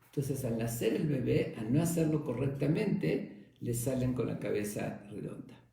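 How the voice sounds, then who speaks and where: A man voicing a wise, gentle old male sage who answers with endless patience and a soft, kindly manner, in a very echoey room. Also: medium pitch, expressive, normal speed, creaky. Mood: patient, kindly.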